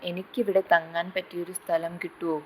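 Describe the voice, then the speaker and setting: A woman's voice: lowish voice, little pitch movement, moderate pace, a little mellow, a little hiss or hum, lightly acted, poor audio. A woman voicing a young woman stranger who carries a child at night and politely begs for shelter. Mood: pleading.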